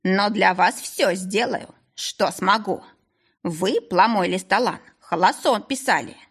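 A woman reads an older Chinese restaurant owner in a storybook audiobook, slow and deliberate, his Chinese accent swapping R for L. Husky and breathy in tone, he sounds stern on the surface yet kindly underneath. He weighs every word before he says it. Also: mid-range voice, fairly bright tone, heavily acted. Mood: earnest. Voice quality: slow, measured, swaps R for L.

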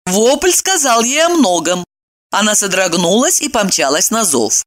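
Expressive comic audiobook reader, swinging pitch, playful ironic storytelling. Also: unhurried.

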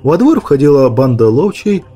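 A man narrating an audiobook with dramatic, lively storytelling. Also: on the high side, normal speed, breathy edge, faint music behind. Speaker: audiobook reader.

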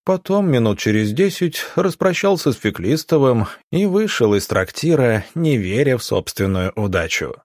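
A man giving steady, descriptive scripted narration of an audiobook. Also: medium pitch, moderate pace, hardly any pauses, no echo, clean studio sound.

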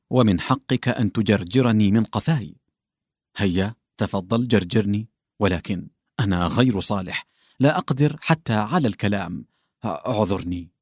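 A man's voice: lowish voice, darkish tone, dry recording, natural voice. Guy doing a worn-out grieving doctor, nervy and drained, says no over and over, dry close sound. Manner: weary, nervous refusals, drained. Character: grieving exhausted doctor, grown man.

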